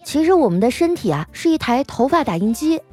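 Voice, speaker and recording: A woman voicing a cheeky, unbothered young female coworker who answers back in a high, bouncy way. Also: very animated, a little fast, darkish tone. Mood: sassy.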